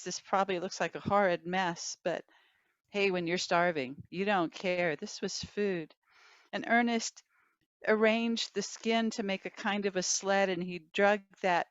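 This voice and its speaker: A woman telling a folk tale to grown-ups in a lively way, with asides to the listeners and wolf howls. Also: medium pitch, clean tone, no room sound. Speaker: storyteller. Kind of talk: oral storytelling for adults. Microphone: video call. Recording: muffled, dry video call audio.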